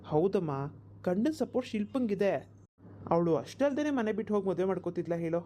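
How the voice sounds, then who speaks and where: A woman's voice: medium pitch, lively intonation, fairly quick, dark tone, a little hiss or hum, close to an everyday voice. Woman doing a reassuring young village son. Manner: reassuring, explanatory. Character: grown village son, reassuring his worried mother. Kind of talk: cartoon voice acting.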